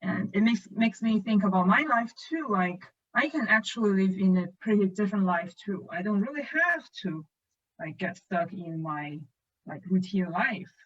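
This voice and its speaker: A woman in her late twenties from northern China, speaking English with a Chinese accent, a first language of Chinese, in a thoughtful, measured podcast chat over a remote call. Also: medium pitch, lively intonation. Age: late 20s. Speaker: podcast co-host. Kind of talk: casual conversation. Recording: muffled lo-fi call audio.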